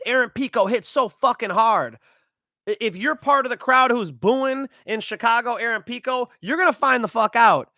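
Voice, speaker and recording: A young man hosting a fight predictions show, talking in a rambling, excitable way and swearing freely. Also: sits high, dry recording, studio quality. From California. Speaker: host.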